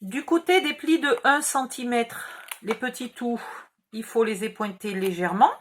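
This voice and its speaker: A woman's voice: on the high side, moderate pace, a little hiss or hum. Chatty woman with a southern French accent. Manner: chatty, patient, explains each gesture. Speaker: craft tutorial host. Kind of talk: step-by-step craft instructions.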